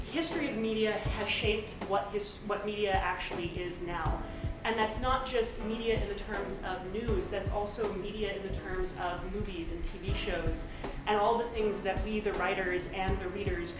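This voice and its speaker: Female American presenter, rushed informal lightning talk, medium pitch, very reverberant and distant sound. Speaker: speaker giving a lightning talk. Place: echoey presentation room. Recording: echoey hall, distant pickup, music flagged behind.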